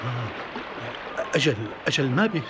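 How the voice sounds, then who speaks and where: An actor playing an obedient sailor, deferential and eager, in a dramatized story. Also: male voice, mid-range voice, animated, measured pace, lightly acted. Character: obedient, deferential sailor answering his captain. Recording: loud music over the voice.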